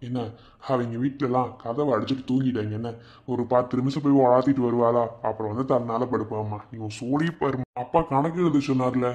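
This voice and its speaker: Actor playing a young man, blunt and teasing, mid pitch, muffled lo-fi sound, TV drama. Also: steady tone, a little fast, natural voice. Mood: dismissive. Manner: blunt and teasing, gentle with his friend. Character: young village man, loyal friend, hiding a secret. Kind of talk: television drama acting.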